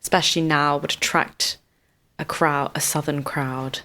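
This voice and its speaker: A woman's voice: low voice, fairly even intonation, a little slow, bright, forceful tone. A woman co-hosting a podcast, asking questions and teasing her co-host. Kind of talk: casual chat.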